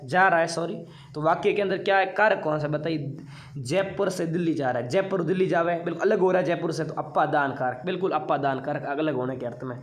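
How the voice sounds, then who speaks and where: A young man teaching an online exam-prep class in a playful, teasing way, asking questions and answering them himself. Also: fairly high pitch.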